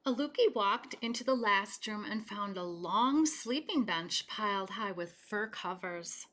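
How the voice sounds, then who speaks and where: Reading a picture book to kids, this woman has a fairly bright, mid-range voice and an animated, slightly slow delivery. She adds chatty asides along the way, explaining things and posing questions to her young audience.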